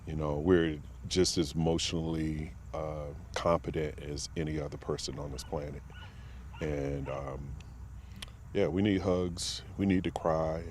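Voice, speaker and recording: A man with a very low, deep voice talks earnestly in a casual podcast interview, pausing often to gather his thoughts. Faint outdoor ambience with passing vehicles sits behind him. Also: steady tone, darkish tone, slight background noise. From Martinsville, Virginia, USA. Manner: reflective and earnest, with frequent pauses and fillers. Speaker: podcast guest. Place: outdoor expo grounds.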